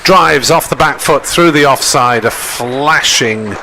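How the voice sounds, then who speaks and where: A man giving live ball-by-ball cricket commentary in a measured, descriptive way. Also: medium pitch, sharp tone, a little hiss or hum.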